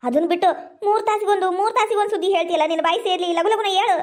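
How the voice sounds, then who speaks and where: Woman doing a cranky village wife, north karnataka accent, super high voice, nags and curses. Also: rapid-fire. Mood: impatient scolding. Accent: North Karnataka Kannada. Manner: scolding, impatient, cursing. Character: short-tempered village housewife, sharp-tongued. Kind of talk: comedy skit acting.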